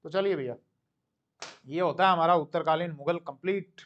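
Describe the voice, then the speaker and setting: A man's voice: a little high, normal speed, fairly bright tone, lo-fi sound. A man teaching a history lecture in a conversational, storytelling way, often asking a question and then answering it himself. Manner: conversational storytelling, acting out dialogue; asks and answers his own questions. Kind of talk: recorded classroom lecture.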